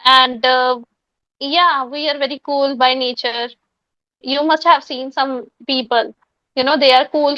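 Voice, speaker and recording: High-voiced talkative woman. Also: no echo, muffled recording. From Punjab, India. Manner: talkative, frequent fillers and self-corrections. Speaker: English practice partner. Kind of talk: casual conversation practice.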